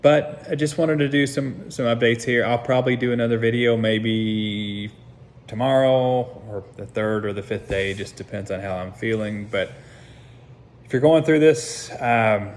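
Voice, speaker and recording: An American man recording a casual update as a patient just out of surgery, talking in a subdued, halting, hesitant way as he pieces things together. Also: medium pitch. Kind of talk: casual personal vlog. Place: seated at home, talking to camera. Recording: noticeable background noise.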